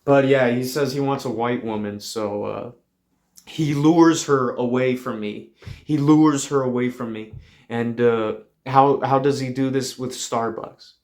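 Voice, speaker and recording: Slow, rambling deadpan man. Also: medium pitch. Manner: deadpan, rambling with many fillers. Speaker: podcast host. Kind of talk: comedic monologue.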